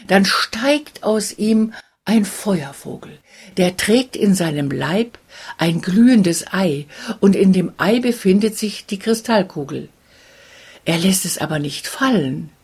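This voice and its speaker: A woman voicing a sad cursed princess in a fairy tale, speaking softly and sorrowfully, slow and breathy. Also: medium pitch, heavily acted. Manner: soft, sorrowful, partly whispered.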